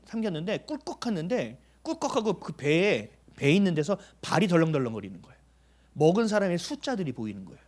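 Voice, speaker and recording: Animated male pastor with a high voice. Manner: animated storytelling, acting out dialogue; emphatic rhetorical questions. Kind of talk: sermon.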